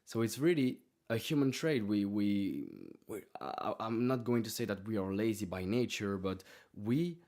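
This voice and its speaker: Low-voiced man, halting motivational talk. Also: animated, a little mellow. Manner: halting, repeats words while searching for phrasing. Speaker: martial arts podcast host.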